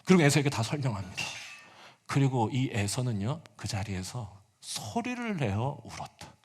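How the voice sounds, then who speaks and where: A man's voice: mid-range voice, big pitch swings, moderate pace, a little mellow, husky. A male pastor preaching a sermon, retelling a story with casual asides and acted-out quotes.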